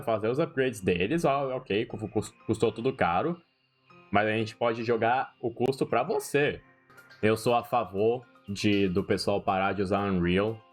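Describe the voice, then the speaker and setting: This young Brazilian Portuguese-accented streamer has a lowish voice as he rambles through crude, slang-heavy gaming commentary.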